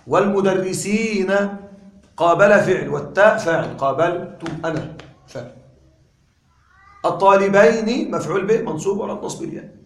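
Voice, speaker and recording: High-voiced man teaching in an echoey room. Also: fairly bright tone, slight background noise. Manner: quizzes the class with frequent questions; repeats key points deliberately. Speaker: grammar teacher. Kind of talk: classroom lecture. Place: classroom.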